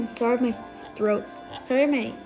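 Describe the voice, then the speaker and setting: The recording is low quality, with music running under it. A somewhat sick tutorial maker explains a build step by step in a mid-range voice at a moderate pace, counting blocks and fixing little slips as they come up.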